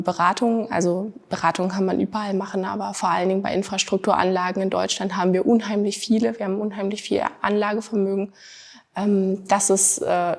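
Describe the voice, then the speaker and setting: Answering an interview sincerely, a twenty-something woman from Thuringia in Germany, studying for her master's, stalls on fillers and repeats words to stress them. Vocal fry runs through her mid-range voice, which has a darkish tone.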